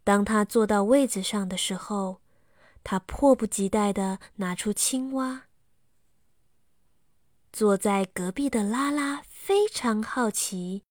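A woman narrating a children's bedtime story slowly and softly. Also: medium pitch, no echo, studio quality. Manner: slow and soft.

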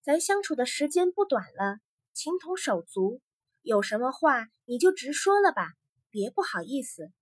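A woman voicing a gentle, tearful young sea maiden in a told folktale, speaking softly and pleadingly. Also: high-pitched, very animated, normal speed, husky, dry recording, studio quality, exaggerated voice. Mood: tender.

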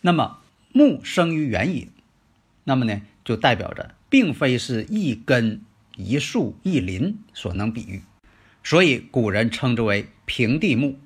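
Older-ish guy, kinda raspy mid voice, explaining stuff to his listeners like a teacher. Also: mid-range voice, very animated, measured pace. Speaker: host of a Chinese metaphysics teaching show. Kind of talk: spoken lecture and New Year address to listeners.

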